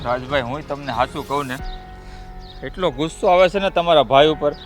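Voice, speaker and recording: A man's voice: fairly high pitch, fairly quick, faint music behind, lightly acted. An actor playing an indignant man defending his insulted sister, who talks in an aggrieved, heated way. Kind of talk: village family stage drama.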